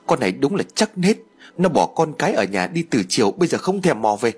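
A man voicing a fussy, quick-tempered village mother who wails and scolds. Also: mid-range voice, big pitch swings, breathy edge, voice pushed up. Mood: scolding. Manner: scolding, wailing, cursing.

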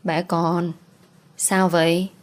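A woman's voice: fairly low pitch, little pitch movement, very slow. A woman doing a cool, teasing husband.

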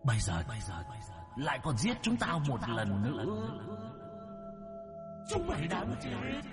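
Vengeful skeleton ghosts from a ghost story, put on by a man, hissing, wild swooping pitch, loud music behind. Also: wildly swooping pitch, a little slow.

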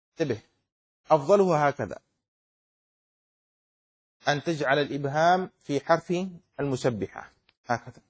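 A man's voice: a little high, darkish tone, slightly rough. A middle-aged man teaching a class, explaining a text and often asking the students whether they have understood. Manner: keeps checking students understand, asks questions. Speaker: teacher of Islamic law.

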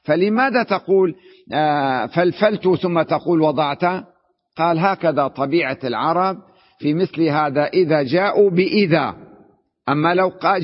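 A man's voice: a little high, in a large hall, dull audio. A man, a sheikh, teaching an Arabic grammar class, explaining patiently and often checking with his students that they follow. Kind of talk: classroom lesson.

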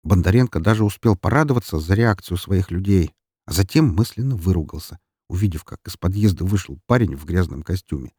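A male audiobook narrator with a lower voice reads with lively, swooping intonation. The sound is close and completely dry, like a studio booth. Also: fairly quick, breathy edge, dry recording. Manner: expressive storytelling reading.

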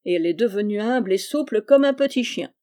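A woman's voice: medium pitch, animated, quick pace, warm tone, close to an everyday voice. A woman reading aloud, voicing a boisterous, sarcastic male sailor who laughs and boasts, in a raised, livelier voice. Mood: teasing.

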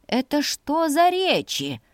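A woman's voice: high-pitched, huge pitch swings, takes it slowly, no echo, studio quality, voice pushed up, full character voice. A woman voicing a stern mother who scolds and commands in a raised voice. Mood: scolding. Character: stern loud mother pushing her children to marry.

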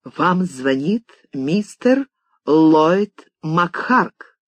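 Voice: medium pitch, very animated, a little slow, no room sound. A reader voicing a prim, formal middle-aged housekeeper answering the telephone in an audiobook.

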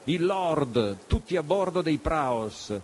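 A man's voice: on the high side, expressive, slow, slight background noise, pitched above the performer's own voice. A man voicing a fierce, proud pirate chief in an audiobook, speaking in a solemn, commanding way.

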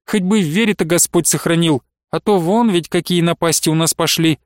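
A man's voice: on the high side, fairly quick, no echo, studio quality, lightly acted. A man voicing a grieving, pious old nun who laments and pleads tearfully. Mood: mournful. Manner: lamenting, sing-song pleading.

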